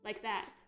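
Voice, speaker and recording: Drawing in a room at home, a young woman who makes comics livestreams and chats casually, answering questions she reads from viewers. She laughs a lot, poking fun at herself, and the room sounds echoey with music playing behind.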